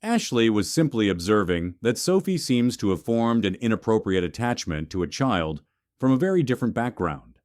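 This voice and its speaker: A man's voice: fairly low pitch, big pitch swings, normal speed, darkish tone, no echo. Man voicing a haughty, snobbish rich mother. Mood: disdainful. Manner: haughty, disdainful. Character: snobbish wealthy mother, disdainful.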